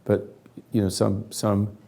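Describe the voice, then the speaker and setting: An older man with a low, badly hoarse voice, as if gargling as he talks. It is thick with gravel and rasp. He leads a group conversation earnestly, in emphatic, broken phrases. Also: monotone, slow pace, dark tone. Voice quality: gargling, raspy, failing voice. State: hoarse, throat-clearing. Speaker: host leading a group conversation. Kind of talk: spoken counselling talk to a group.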